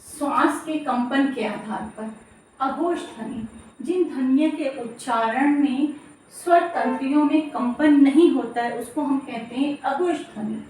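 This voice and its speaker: A woman with a high voice teaches an exam-prep grammar lesson, repeating each term and checking in with her listeners. She sounds set back from the mic in a strongly echoing room, with faint hiss underneath. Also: unhurried, darkish tone. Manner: repeats terms, checks with "theek hai". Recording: very echoey room, distant mic.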